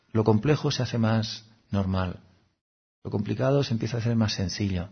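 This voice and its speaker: Male spiritual teacher, low husky voice, unhurried and musing, slightly muffled lo-fi sound. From Seville, Spain. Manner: unhurried, musing, frequent "¿mm?" and "¿no?" asides. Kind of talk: calm reflective spiritual talk.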